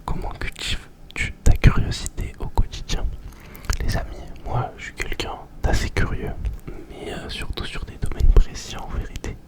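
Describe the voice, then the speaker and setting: Young guy doing asmr, whispering super close right in your ear, just casually chatting. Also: normal speed. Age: young adult. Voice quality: breathy whisper. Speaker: ASMR video host. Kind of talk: ASMR, informal question-and-answer chat. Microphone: very close to the microphone.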